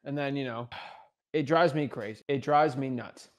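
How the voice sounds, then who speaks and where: A young man in his twenties gives an unscripted motivational talk as a real estate coach, intense and repetitive and full of "right?" and "like." His voice is medium-pitched at a normal speed. The lo-fi audio comes from a podcast mic on a boom arm in front of him in a small home studio.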